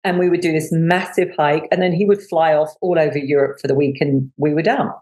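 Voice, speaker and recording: A middle-aged business coach from the United Kingdom tells her story as a guest on a conversational podcast interview. Her voice is deep and brisk, and her storytelling is animated and packed with fillers.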